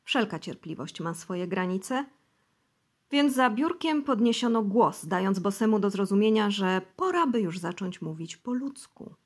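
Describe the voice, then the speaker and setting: A woman narrating an audiobook in an even, measured storytelling voice. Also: mid-range voice.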